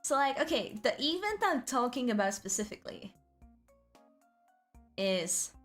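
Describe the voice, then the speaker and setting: Hosting a VTuber livestream, a woman with a fairly high voice chats casually in a cute anime streamer manner. She takes her time, rambling through asides with an excitable streak while music plays behind her.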